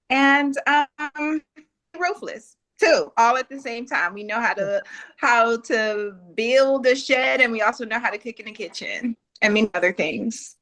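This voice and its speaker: Slow, bright-voiced woman. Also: on the high side. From Louisiana, US. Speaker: panelist. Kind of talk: casual panel chat. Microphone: phone on video call.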